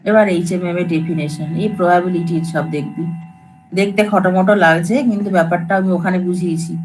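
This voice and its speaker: A woman's voice: lowish voice, steady tone, quick pace, a little mellow, slight background noise, low-quality recording. Casual woman lecturer. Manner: casual, coaxing, addresses students familiarly. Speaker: computer science lecturer. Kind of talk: informal classroom lecture.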